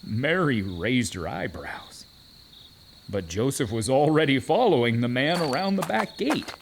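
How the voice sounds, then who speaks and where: A weary donkey, voiced by a man, recounts his journey in a children's audio drama. He takes his time with dramatic pauses and a very lively pitch. Animal and cricket noises sit clearly behind him. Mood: weary storytelling. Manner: deliberate storytelling with dramatic pauses. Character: Eli, a weary, aggrieved male donkey telling his journey. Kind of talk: first-person children's audio drama narration. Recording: noisy, with animal and cricket ambience.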